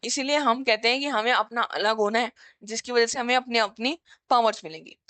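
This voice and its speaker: A woman's voice: fairly high pitch, steady tone, brisk, a bit bright, no echo. A woman teaching a casual exam-revision lesson, explaining with everyday examples and frequent fillers.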